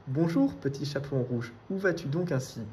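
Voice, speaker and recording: A man reading aloud and voicing a sly, hungry wolf from a children's tale, smooth and falsely friendly. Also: a little high, sing-song, moderate pace, a little mellow, a little hiss or hum. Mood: scheming.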